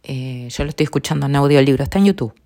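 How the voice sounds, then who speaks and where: A middle-aged woman with a Rioplatense Spanish accent hosts a podcast in an extremely low, dark voice, speaking fast. Her reflective personal talk is earnest and often sinks to a near whisper.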